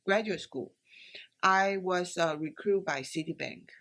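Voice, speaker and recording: A woman's voice: lowish voice, measured pace, fairly bright tone. A middle-aged woman from Taiwan, not an English speaker, answering interview questions in a hesitant way with many fillers and restarts. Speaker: interview guest, business owner.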